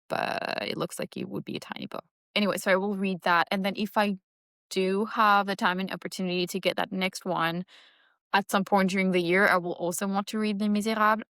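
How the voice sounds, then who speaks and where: In a dry, clean studio recording, a young Creole-speaking woman from Mauritius uses a mid-range, fairly bright voice to chat about her reading plans. Mauritian Creole is her first language, and as a book vlogger she thinks out loud with a light, self-mocking touch.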